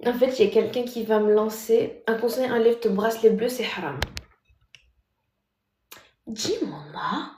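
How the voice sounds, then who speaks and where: A woman's voice: a little high, fairly even intonation, a little fast, hardly any pauses, echoey room, a little hiss or hum. A woman streaming live, chatting casually with viewers in a mocking, talkative manner. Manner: chatty, mocking, talks loudly by habit. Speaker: livestreamer.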